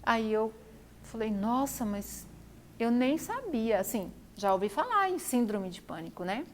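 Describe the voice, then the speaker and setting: A woman's voice: fairly high pitch, sing-song, a little slow, a little hiss or hum. A woman telling her own story to camera, repeating phrases for emphasis. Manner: repetitive, emphatic retelling. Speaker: vlogger.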